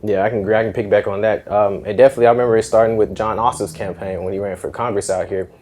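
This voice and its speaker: Fast-talking young man, dark voice. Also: lowish voice, steady tone, slight background noise. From west side of Atlanta. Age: 20s. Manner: quick, chatty, says "you know what I'm saying". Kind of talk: panel discussion.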